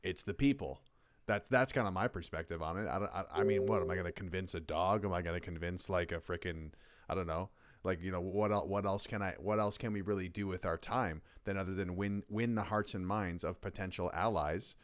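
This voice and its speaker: A man's voice: deep voice, fairly even intonation, brisk. A young man, co-hosting a casual political chat. He rants emphatically and often restarts his sentences. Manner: emphatic, ranting, with frequent restarts. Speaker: podcast co-host.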